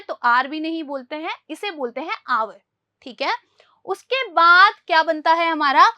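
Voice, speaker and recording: A woman's voice: high-pitched, pushed and bright, dry recording, studio quality. A woman teaching English pronunciation, quizzing her listeners and repeating each word back. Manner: repeats words with quizzing questions. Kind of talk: spoken English lesson in Hindi.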